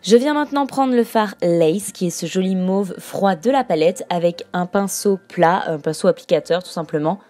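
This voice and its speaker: A woman's voice: lowish voice, moderate pace, hardly any pauses, a little mellow, soft background music. A woman narrating a makeup tutorial as a voice-over, explaining each step as she goes with frequent small fillers. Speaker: beauty vlogger.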